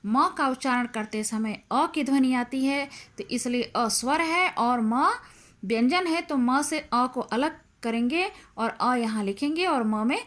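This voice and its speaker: A woman's voice: high-pitched, fairly bright tone. A woman teacher explaining a grammar lesson, carefully breaking words into their sounds one by one. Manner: slow, deliberate, spelling out sounds one by one.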